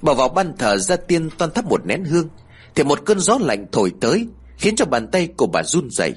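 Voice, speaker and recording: A man narrating a village ghost story in an expressive, dramatic manner. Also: on the high side, fairly quick, breathy edge. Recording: soft music underneath.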